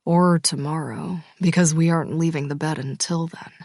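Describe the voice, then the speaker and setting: A woman's voice: fairly even intonation, moderate pace, vocal fry, a little mellow, no room sound, clean studio sound. Woman voicing a murmuring young man. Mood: low murmur. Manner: low, murmured delivery.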